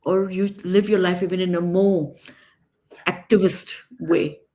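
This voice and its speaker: A woman's voice: lowish voice, fairly even intonation, unhurried, mellow. A woman hosting a podcast interview, speaking with empathy and asking long, winding questions. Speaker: podcast host. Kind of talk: interview conversation.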